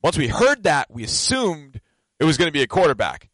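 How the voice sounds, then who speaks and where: A man's voice: on the high side, huge pitch swings, brisk, fairly bright tone, dry recording, low-quality recording. A man co-hosting a casual sports chat, rambling and self-assured as he talks about his picks. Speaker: co-host and draft analyst.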